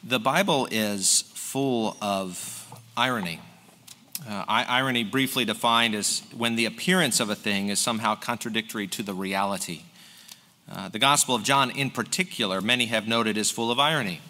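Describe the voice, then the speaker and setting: A male preacher reading scripture and explaining it in a measured sermon. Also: fairly low pitch, pushed and bright. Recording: long hall reverb.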